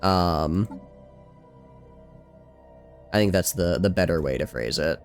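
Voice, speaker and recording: A man streaming a strategy game late at night at home, talking quietly in a rambling, self-joking way. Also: deep voice, slow, faint music behind. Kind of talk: casual gameplay commentary.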